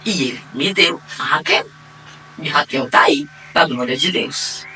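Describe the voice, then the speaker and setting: A woman with a Brazilian accent giving a personal faith testimony, acting out the dialogue as she retells it and swinging between quiet and excited. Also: low voice, unhurried, slight background noise. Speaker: testimony giver. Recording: distant mic, faint room ambience.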